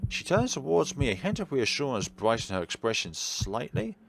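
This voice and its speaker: Over game music and background noise, a let's player reads a visual novel in a medium-pitched, gravelly voice, very animated and fairly quick. He mixes narration with offhand comments, sometimes tripping on words and fixing them.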